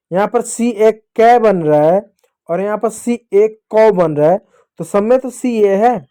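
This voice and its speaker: A man's voice: sits high, dark tone, no echo, clean studio sound. A young man teaching a phonics lesson to young children, patiently repeating rules and asking and answering his own questions.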